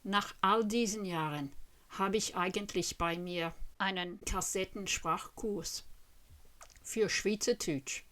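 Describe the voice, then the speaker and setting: With a little hiss or hum in the recording, a woman in her fifties from Western Australia talks slowly to camera in a language she is learning. Her mid-range voice is a bit bright, and she is careful and earnest, asking her viewers questions in her Australian accent; English is her native tongue.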